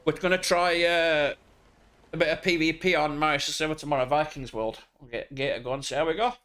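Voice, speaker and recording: A man's voice: on the high side, steady tone, fairly quick, fairly bright tone, faint music behind. An English man streaming a truck driving game, chatting casually with crude, joking banter. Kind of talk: casual gaming chat.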